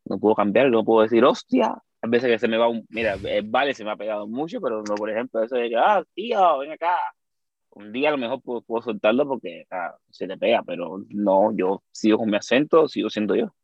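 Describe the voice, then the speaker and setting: A man's voice: fairly low pitch, quick pace, few pauses, no echo, lo-fi sound. A man from Cuba with a Cuban accent, a guest talking casually in an interview and often tossing in tag questions. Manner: animated, lots of tag questions. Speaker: guest, YouTuber.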